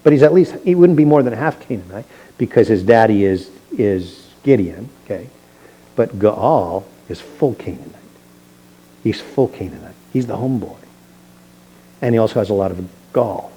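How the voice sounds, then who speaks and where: A male pastor teaching verse by verse through a Bible passage in a church, reading the text and then adding relaxed, conversational explanations. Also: on the low side, normal speed, slightly rough, poor audio. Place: church sanctuary.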